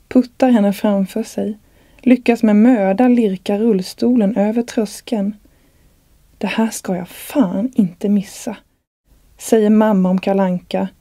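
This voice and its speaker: A woman, the author, reading aloud from her own novel in a calm, measured way. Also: mid-range voice, dry recording.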